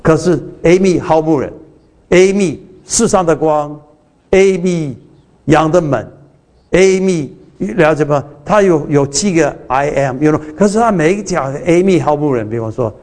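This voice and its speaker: A man's voice: fairly high pitch, unhurried, darkish tone. A man preaching a sermon in a conversational way, full of restarts and rhetorical questions, slipping English phrases into his talk.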